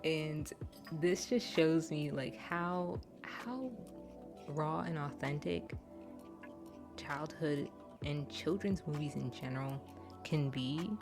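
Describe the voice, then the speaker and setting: Low-voiced woman hosting a spiritual podcast. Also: takes it slowly, long pauses. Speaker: podcast host, spiritual teacher. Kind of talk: reflective podcast commentary. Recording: music clearly underneath.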